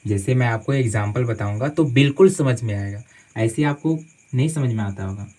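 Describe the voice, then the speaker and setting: A man's voice: medium pitch, fairly quick, darkish tone, low-quality recording. A man teaching English spelling rules in a classroom-style lesson, spelling words out letter by letter and repeating each phrase with a "theek hai" check after most points.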